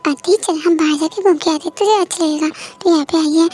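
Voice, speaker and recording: A woman's voice: very high voice, steady tone, quick pace, a little mellow. A woman voicing a bossy young man who coaxes his friend with firm commands in a fan-fiction story reading. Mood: coaxing. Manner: insistent, coaxing commands.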